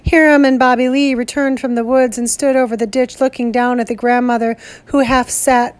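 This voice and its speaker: A woman reading a short story aloud in a measured, steady narration. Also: fairly high pitch. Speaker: reader.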